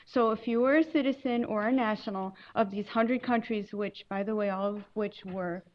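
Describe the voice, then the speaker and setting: A woman from Lebanon speaking on a legal panel, earnest and emphatic, pausing and correcting herself as she explains. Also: mid-range voice, lo-fi sound. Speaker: immigration attorney on a panel. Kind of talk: panel talk to an audience.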